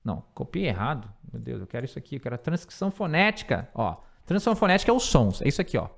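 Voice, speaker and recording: A man with a Brazilian Portuguese accent, an English teacher who explains grammar and repeats words slowly for pronunciation. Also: mid-range voice, very animated, vocal fry.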